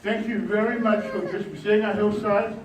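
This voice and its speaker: A male pastor, high in pitch and a native Samoan speaker, preaches at a normal speed during a revival in a church hall. His rousing delivery shifts from gentle, bilingual side comments to shouted exhortation of the congregation, heard from far off the microphone amid echo and steady background noise.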